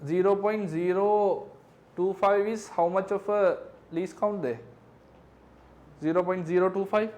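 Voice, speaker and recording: A physics tutor with a high, light voice goes over exam questions out loud. He works through each figure step by step. He keeps checking that his class follows with quick tag questions. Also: steady tone. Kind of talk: exam question review lesson.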